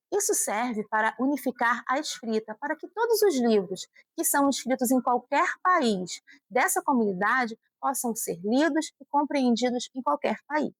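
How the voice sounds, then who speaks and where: A Brazilian woman hosts an explainer video in a fairly high voice with a gravelly edge. She asks lively, emphatic questions. The sound is dry, with no room behind it. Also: dry recording. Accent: Brazilian Portuguese. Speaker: channel host.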